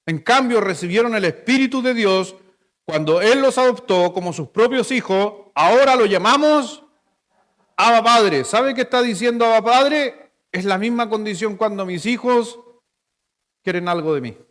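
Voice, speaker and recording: Chilean pastor preaching, high voice. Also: male voice, moderate pace, fairly bright tone, in a large hall. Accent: Chilean Spanish. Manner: conversational, playful storytelling with the congregation. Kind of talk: sermon. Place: church hall.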